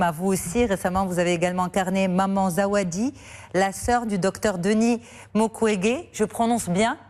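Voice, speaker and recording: Measured woman interviewer. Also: fairly low pitch, darkish tone. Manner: measured, formal questioning. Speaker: interviewer, host. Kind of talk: interview questions.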